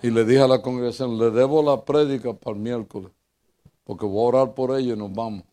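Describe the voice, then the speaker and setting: An older male pastor with a Puerto Rican accent preaches in a lively, joking way. His voice sits at an ordinary middle pitch, rising into loud bursts and dropping into low asides as he tells stories from his church. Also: brisk. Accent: Puerto Rican Spanish. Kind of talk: humorous preaching with personal stories.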